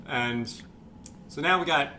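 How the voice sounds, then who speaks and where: A young man hosting a casual podcast chat, talking in a halting way with frequent restarts. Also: fairly high pitch, sharp tone, slight background noise. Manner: halting, hesitant, many restarts. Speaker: podcast host.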